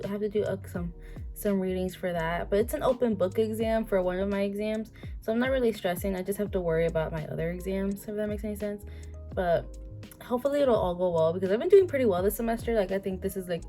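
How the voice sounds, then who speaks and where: A woman's voice: medium pitch, warm tone. A woman in her twenties chatting casually to camera, rambling with many fillers and restarts. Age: 20s. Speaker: vlogger.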